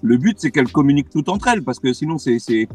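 A man's voice: mid-range voice, expressive, fast, music in the background. A man co-hosting a casual talk show, blunt and teasing the others. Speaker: co-host. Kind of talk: casual crypto chat show.

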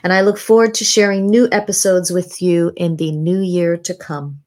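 A woman with a somewhat low voice speaks as a podcast host. She delivers a scripted monologue in a measured, deliberate manner, leaving reflective pauses between phrases. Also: steady tone, a little mellow. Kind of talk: scripted narration, year-in-review monologue.

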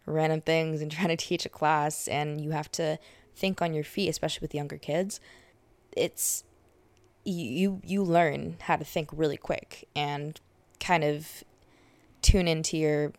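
A woman's voice: sits low, little pitch movement, a little slow, darkish tone, dry recording. A young woman hosting a podcast, talking casually in a chatty way, full of fillers and restarts. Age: young adult. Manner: chatty, filler-heavy, self-correcting. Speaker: podcast host. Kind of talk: casual monologue.

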